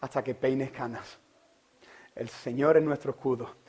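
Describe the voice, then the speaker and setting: A man from Spain preaching a sermon, asking the listeners direct questions and swinging from loud preaching to hushed whispers. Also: medium pitch, steady tone, measured pace, breathy edge. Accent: Spain Spanish. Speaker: pastor.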